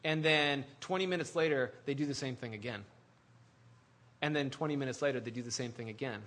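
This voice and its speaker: A male pastor preaching a sermon in an animated, conversational way, full of restarts and asides. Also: mid-range voice, fairly quick.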